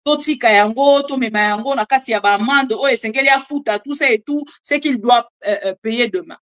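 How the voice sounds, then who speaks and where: A woman with a Congolese French accent giving animated, chatty political commentary and joking asides to her viewers. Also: a little high, fairly quick. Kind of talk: casual live commentary, French mixed with Lingala.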